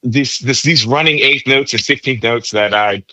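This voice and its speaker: On a podcast interview about music, a trumpet-playing guest teaches the finer points of jazz tone and technique, repeating words for emphasis. He has a medium-pitched, pushed, bright voice at a moderate pace, captured in a dry, poor-quality recording.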